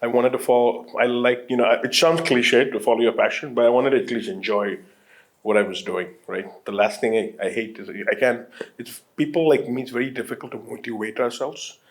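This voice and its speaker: A man in his late thirties from Qatar appears as an entrepreneur guest on an interview show, speaking with a brisk, medium-pitched voice. He talks casually and rambles, with lots of fillers and restarts, and laughs easily.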